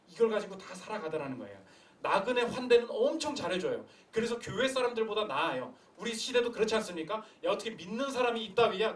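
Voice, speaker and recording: Animated young male preacher, echoey church. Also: high-pitched. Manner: animated storytelling with acted quotes and rhetorical questions. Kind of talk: sermon. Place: church sanctuary. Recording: echoey room from a distance.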